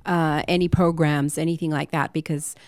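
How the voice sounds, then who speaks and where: Low-voiced woman radio guest. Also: little pitch movement, normal speed, a little mellow, dry recording. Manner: brief agreeing replies. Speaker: radio guest, community charity organizer. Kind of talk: local radio interview. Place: radio studio.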